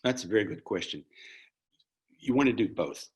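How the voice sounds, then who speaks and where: A man's voice: fairly low pitch, animated, moderate pace. A man from Zimbabwe presenting a webinar, answering audience questions over a video call with frequent hesitations and restarts. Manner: hesitant, many restarts and fillers.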